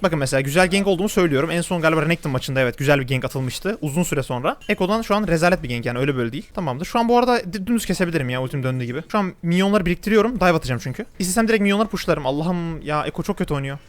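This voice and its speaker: A man's voice: a little high, lively intonation. A young man casually commentating his own match as he plays, chatty and talking straight to his viewers. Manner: rapid, chatty, addresses viewers directly. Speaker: gameplay commentator. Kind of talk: live gameplay commentary.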